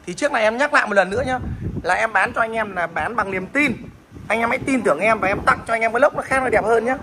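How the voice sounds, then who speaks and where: A man talks quickly in a high voice, hawking a motorbike with salesman patter. He is recorded outdoors on a phone camera, with faint background noise. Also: a bit bright. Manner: fast salesman patter, repeats short tags. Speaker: motorbike dealer vlogger. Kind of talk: casual selling vlog.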